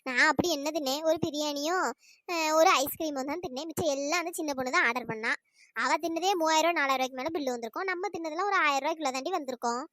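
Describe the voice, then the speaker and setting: Brief: a cajoling cartoon woman, squeaky pitch-shifted voice, close dry sound. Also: sharp tone, no echo. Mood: coaxing. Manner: questioning, cajoling, quick. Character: nosy village woman friend, coaxing and defensive. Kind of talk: cartoon storytelling voice acting.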